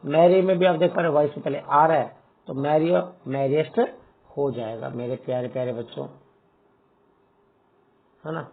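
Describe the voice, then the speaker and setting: A man's voice: fairly high pitch, moderate pace, long pauses, breathy edge. A man teaching English grammar to students, asking and answering his own questions and calling them dear children. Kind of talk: Hindi-medium grammar lesson. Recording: tinny phone-like lo-fi sound.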